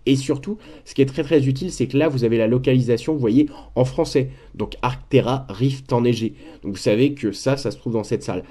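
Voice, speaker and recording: A man's voice: medium pitch, brisk, hardly any pauses, dark tone. Chatty man walking through gaming sites. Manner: chatty, repeats words, many fillers. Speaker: gaming walkthrough creator. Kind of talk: casual screen-share commentary.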